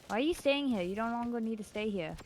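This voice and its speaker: A woman's voice: fairly high pitch, expressive, fast, slight background noise. Woman who says W for R. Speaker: guest on a game stream. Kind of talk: casual chat during a game stream.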